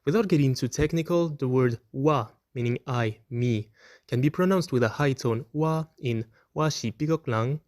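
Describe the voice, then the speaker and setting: A man presenting an educational video, reading a scripted explanation in a clear, explanatory way and slowing down to demonstrate example words. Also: mid-range voice, a little mellow, dry recording, studio quality. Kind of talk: scripted narration.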